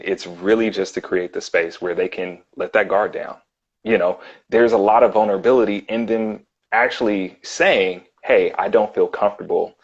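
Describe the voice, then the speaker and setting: A man with a very low, deep voice talks as a counselor in a relaxed interview. He speaks earnestly and thoughtfully, with plenty of ums and restarts. The audio is dull and lo-fi. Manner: earnest, thoughtful, with frequent ums and repeated words. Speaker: licensed clinical counselor, guest. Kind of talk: casual conversational interview.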